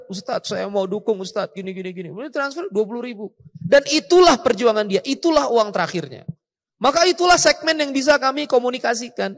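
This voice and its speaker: A man, a mosque preacher, giving a lively speech to an event audience, asking the crowd questions and quoting scripture. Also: extremely high pitch. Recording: echoey hall.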